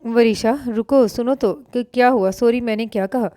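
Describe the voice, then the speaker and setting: A woman's voice: fairly high pitch, warm tone, dry recording, lightly acted. Woman voicing a blunt husband in his thirties, exasperated, audio novel, dry sound.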